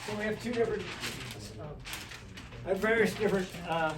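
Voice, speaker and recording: A man with a somewhat high voice leads a hands-on lighting workshop, talking loosely and telling stories with restarts and asides. He is picked up from across a reverberant studio classroom, and steady background noise sits under his voice. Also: a little fast. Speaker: film lighting instructor. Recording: echoey room, distant, noisy ambience.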